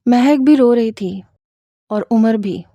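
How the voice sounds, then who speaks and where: Woman narrator for romance stories, mellow, dry close sound. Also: on the high side, no room sound. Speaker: storyteller. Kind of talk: scripted romance story narration.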